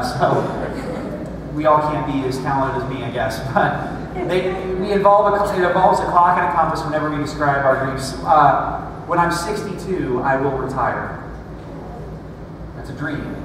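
A pastor in his thirties preaches a sermon on a large church stage with a screen, keeping it conversational and slipping in dry, self-deprecating jokes. His voice sits on the high side. A room mic far from the stage captures an echoey hall with a noisy background.

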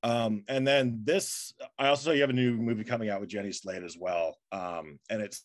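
A man's voice: on the low side, fairly even intonation, brisk, no echo. A young man from Rhode Island interviewing a guest over a video call, eager and chatty with many ums. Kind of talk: interview questions. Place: home room, indoors.

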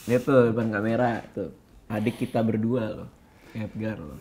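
A man's voice: on the low side, moderate pace, very noisy. A man in his thirties hosting a vlog, chatting casually in a playful, teasing way and laughing often. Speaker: vlog host.

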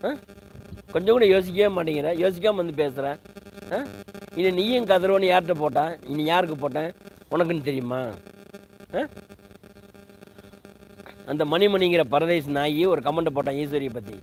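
A man's voice: on the high side, normal speed, pauses often, a little mellow, a little hiss or hum, poor audio. Indignant man ranting on a livestream. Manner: indignant, repetitive, rhetorical questions. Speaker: live streamer. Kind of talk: heated livestream rant.

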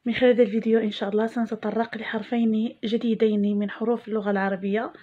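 A woman teacher with a Moroccan accent, giving a reading lesson for young children and stretching words slowly syllable by syllable. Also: fairly high pitch, level tone. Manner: slow, drawn-out syllables when modelling words. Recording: dull lo-fi sound.

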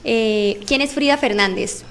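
A woman's voice: on the high side, unhurried, vocal fry, a bit bright. A woman, answering interview questions in an earnest, formal, prepared way at a studio desk mic. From Colombia. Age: 20s. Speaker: council candidate. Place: small radio studio.

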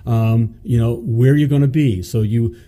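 A middle-aged host leads a motivational business show in an indoor studio, speaking with emphasis into a studio mic on a stand. His mid-range voice is dark in tone, fairly even in intonation and unhurried. He frequently checks in with "okay?" and "you know".

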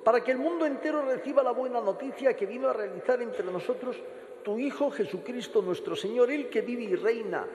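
High-voiced Spanish priest in cathedral echo. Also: male voice, brisk, darkish tone. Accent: Castilian Spanish. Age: middle-aged. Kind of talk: homily and liturgical prayer. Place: large stone church, indoors. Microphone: gooseneck lectern microphone. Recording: echoey cathedral with long reverb.

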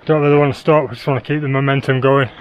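A man's voice: mid-range voice, flat delivery, racing, dull audio, slight background noise. A man in his thirties vlogging to a handheld camera outdoors on a mountain trail, upbeat and a bit out of breath. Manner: breathless, cheerful, upbeat commentary while hiking. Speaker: travel vlogger. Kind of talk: casual vlog narration to camera. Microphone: action camera held at arm's length.

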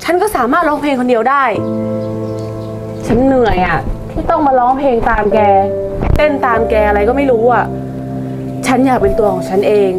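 High-pitched young woman acting restless countryside girl, whiny, complaining, loud music behind. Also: animated, moderate pace, long pauses, lightly acted. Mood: determined. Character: bored young village woman dreaming of stardom. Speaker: aspiring singer from the countryside. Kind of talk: short drama acting.

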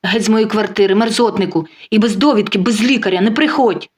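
Жінка озвучує молоду коханку, яка з огидою шипить і верещить на чоловіка. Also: female voice, mid-range voice, fairly quick, natural voice. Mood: furious. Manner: hissing, shrieking. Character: young mistress, disgusted and furious.

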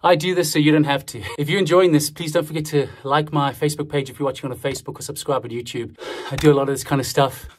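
A man in his thirties, vlogging with a phone at arm's length as he explores mountain caves, talking excitedly. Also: on the high side, fast talker, dry recording. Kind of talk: casual adventure vlog. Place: outdoors on a mountain and inside rock caves. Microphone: phone camera at arm's length.

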